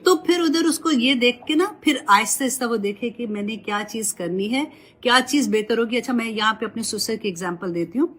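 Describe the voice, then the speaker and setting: A woman Quran teacher giving gentle, motherly religious advice and mixing English words into her talk. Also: on the high side.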